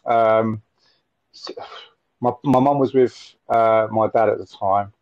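A man in his forties from Nottingham, England, tells stories as a guest in a casual interview over a video call from a room at home with window blinds. He speaks haltingly, repeating words and using frequent fillers, in a fairly low, slightly mellow voice with fairly even intonation; the audio is muffled and dry with no echo.

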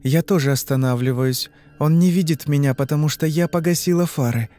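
A man voicing a frightened young woman under hypnosis in an audiobook, answering in short, halting phrases. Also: a little high, dark tone, faint music behind, voice pushed up, lightly acted. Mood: uneasy. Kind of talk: audiobook reading.

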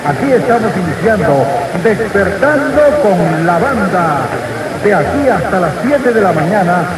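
A man announcing on the radio in a formal, drawn-out manner, heard as a faint, fading broadcast picked up from a distant AM station. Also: high-pitched, reverberant. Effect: faint, fading distant AM radio reception.

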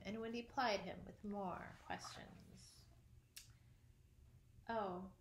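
A woman reading a children's storybook aloud in an expressive manner, with casual asides to listeners. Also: medium pitch, creaky, a little hiss or hum. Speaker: audiobook reader. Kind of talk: storybook read-aloud narration. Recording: roomy echo.

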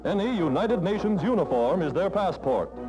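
An old newsreel voice: a man announcing in a brisk, emphatic manner, pitched high and swinging widely in tone. Loud brass music plays under him throughout. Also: very animated, poor audio. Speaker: newsreel narrator. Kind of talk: 1940s newsreel narration.

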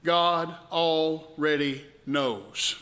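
High-voiced, slow Southern preacher. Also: male voice. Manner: storytelling preacher, builds to loud emphatic peaks. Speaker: pastor. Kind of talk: sermon. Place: church sanctuary. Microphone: live-stream microphone.

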